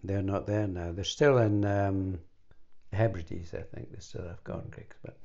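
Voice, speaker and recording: Older Scottish man with a deep gravelly voice. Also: steady tone, a little mellow, highs cut off. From Scotland. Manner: halting, many fillers and restarts. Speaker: interviewee. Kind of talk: reminiscing conversation.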